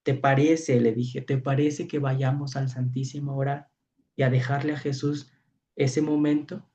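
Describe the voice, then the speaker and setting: A priest with a Mexican Spanish accent, preaching in a storytelling way, acting out voices and often asking "¿verdad?". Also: male voice, mid-range voice, flat delivery, normal speed, dark tone. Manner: storytelling, acts out voices, frequent rhetorical "¿verdad?". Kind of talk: preaching to a youth training session. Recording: dull lo-fi audio.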